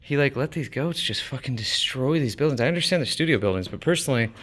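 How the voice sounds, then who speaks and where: A young man touring an abandoned film set speaks fast with lively intonation, his medium-pitched voice a bit bright and free of room sound. He's vlogging a casual walk-and-talk on a handheld camera outdoors and inside an empty building, loose in manner with lots of fillers and casual swearing.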